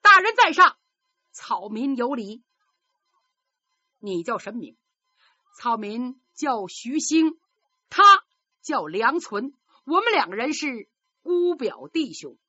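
A woman's voice: fairly high pitch, sing-song, slow, pauses often, sharp tone, dry recording, lo-fi sound, full character voice. A woman voicing a frightened young commoner man, pleading desperately before a magistrate.

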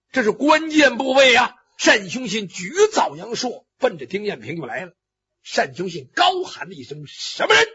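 Husky, lively storyteller man. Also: high-pitched. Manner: vivid, with spoken sound effects and acted cries. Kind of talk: traditional Chinese storytelling. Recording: dull lo-fi recording.

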